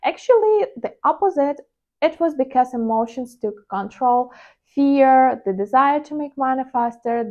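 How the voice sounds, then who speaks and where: In a dull-sounding recording, a woman with a high, darkish voice and a Ukrainian accent addresses her channel's viewers. Ukrainian is her native language, and as a trading vlogger she offers a frank, confessional personal reflection, hesitating with an occasional "uh."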